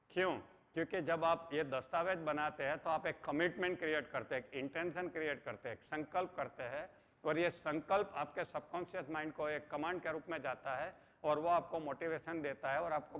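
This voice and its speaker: A middle-aged motivational trainer delivers an earnest lecture, sprinkling English phrases into his speech. His voice is a little high and a bit bright, and the recording sounds dull with a long hall reverb.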